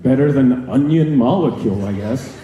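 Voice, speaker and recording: Animated young man doing stand-up. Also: mid-range voice, moderate pace, highs cut off. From America. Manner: animated, rhetorical "right?" asides. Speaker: stand-up comedian. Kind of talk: stand-up comedy. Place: live comedy stage, hall. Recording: very echoey live hall.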